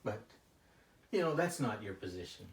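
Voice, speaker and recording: A man playing a stressed, frustrated husband and father in a therapy role-play, confessional and halting in his delivery. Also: lowish voice, very animated. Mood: subdued. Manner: halting, hesitant, confessional, with frequent trailing phrases. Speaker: therapy client. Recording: echoey room, distant mic, faint noise.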